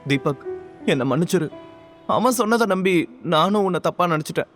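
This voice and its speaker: A man's voice: high voice, expressive, normal speed, fairly bright tone, faint music behind. A man voicing a hurt, defiant young wife in an audio story, speaking in a pleading, indignant way. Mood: apologetic.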